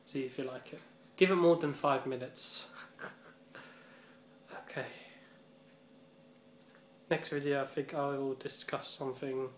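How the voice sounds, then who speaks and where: A man's voice: mid-range voice, fairly even intonation, measured pace, long pauses. A man rambling through a casual vlog monologue, swearing freely and leaning on fillers like "you know" and "um". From Britain. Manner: rambling and profane, heavy on fillers. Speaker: vlogger. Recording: echoey room with faint ambient noise.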